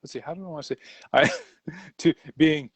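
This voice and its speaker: Gravelly-voiced guy, stumbles and hunts for words, says mm-hmm a lot, dry close sound. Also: a little high, no echo, dull audio. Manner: halting, searches for words, frequent backchannel. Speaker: co-host. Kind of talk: casual spiritual discussion.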